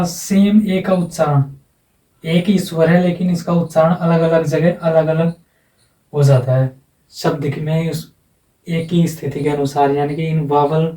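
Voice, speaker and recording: A man teaching an exam-prep lesson with a somewhat high, mellow voice, patient and repetitive, drawing out each example sound. He is heard from a distance in an echoey room.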